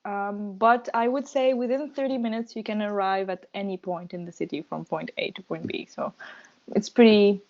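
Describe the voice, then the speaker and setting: A young woman from Tunisia, a medical student, chatting casually in an interview, laughing often and pausing with fillers. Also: medium pitch, steady tone, darkish tone, dull audio.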